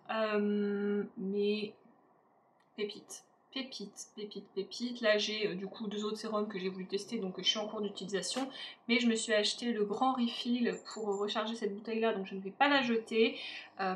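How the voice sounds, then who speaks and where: A woman's voice: medium pitch, fairly bright tone. Chatty French-speaking woman in echoey room. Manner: chatty, hesitant with many fillers. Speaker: beauty vlogger. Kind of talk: casual product review. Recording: echoey room, faint ambient noise.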